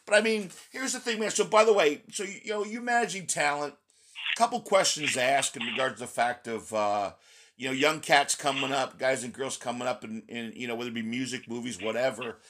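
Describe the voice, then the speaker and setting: A man's voice: medium pitch, fairly quick, a bit bright. A man hosting a podcast in casual interview chat, his voice scratchy from recent laryngitis, rambling with many restarts. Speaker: podcast host.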